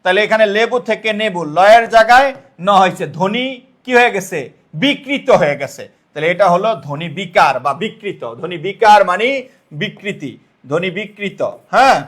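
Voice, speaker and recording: A man with a notably high voice teaches an online exam-prep lesson. He sounds out each word syllable by syllable, asks the same question more than once and keeps checking whether his students have understood. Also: animated, normal speed, a bit bright. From Bangladesh. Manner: explains step by step, repeats questions and checks understanding.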